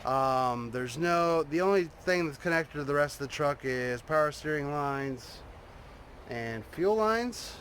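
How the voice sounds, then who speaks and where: A man talking casually and unscripted to his vlog viewers, rambling and halting as he thinks, outdoors in a driveway. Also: a little high, animated, a bit bright, slight background noise. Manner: rambling, halting, trailing off mid-thought. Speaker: vlogger showing a truck build.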